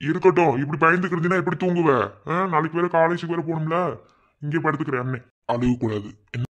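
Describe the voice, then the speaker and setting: A man voicing a caring older brother who scolds gently, with a Madurai Tamil accent. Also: on the high side, fast talker, dull audio, lightly acted. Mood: concerned. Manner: scolding yet caring, village speech.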